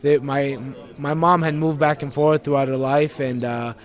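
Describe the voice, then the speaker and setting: An earnest young man from Greece answers pre-fight questions as an MMA fighter. His voice sits a little high for a man, and he rambles, restarting phrases and repeating words. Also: little pitch movement, normal speed.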